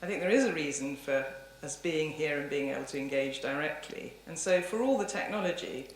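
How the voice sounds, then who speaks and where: In an indoor lecture hall, a woman lecturer takes audience questions, answering in a thoughtful, discursive way with plenty of hedging. Her low voice moves briskly with lively intonation, and the hall sounds roomy, with faint background noise.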